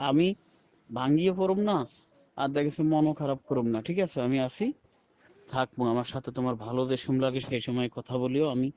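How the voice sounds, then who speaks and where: A man's voice: mid-range voice, darkish tone. A middle-aged man, rambling and pleading in a personal voice message, repeating himself.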